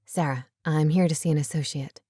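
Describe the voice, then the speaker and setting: Calm, mocking man voiced by a woman narrator, pitched down, dry recording. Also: brisk, slightly rough, no echo. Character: cool taunting man, a clone's rival.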